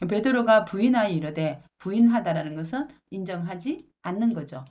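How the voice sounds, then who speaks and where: A woman teaching a Bible lesson, explaining verse words and paraphrasing them into everyday speech with a halting, unhurried delivery. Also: medium pitch, expressive, a little mellow.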